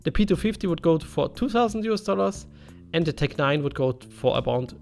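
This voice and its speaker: Male video narrator, German accent, animated pitch, gravelly fry, informal commentary over light music. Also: fairly quick. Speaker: video creator narrating a game item list. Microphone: voice-over over game footage.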